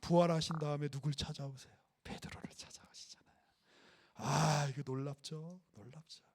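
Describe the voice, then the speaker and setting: A man's voice: on the high side, a little fast. A man preaching a casual, conversational sermon who asks the congregation questions. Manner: animated, acts out voices of Jesus and Peter, asks the congregation questions. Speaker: pastor.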